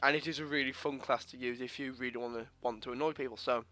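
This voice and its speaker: Fast and forceful, a young gaming host with a slightly congested sore throat rambles through his game class setup over the menus, full of fillers and restarts. His bright, mid-range voice keeps fairly even intonation, and faint music sits in the background.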